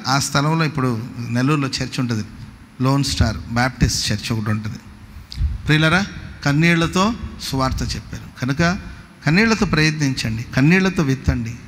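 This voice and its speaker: A man's voice: mid-range voice, fairly quick, fairly bright tone, slight background noise. A man in his forties, a Kannada native speaker, preaching a sermon as pastor, repeating phrases as he tells stories and calling the congregation to respond aloud. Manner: storytelling with many repeated phrases. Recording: long hall reverb, faint background ambience.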